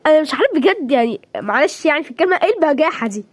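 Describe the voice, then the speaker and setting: A woman's voice: high-pitched, very animated, rapid-fire, dry recording, clean studio sound. A woman voicing an irritated young man with an Egyptian accent. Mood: indignant. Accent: Egyptian Arabic.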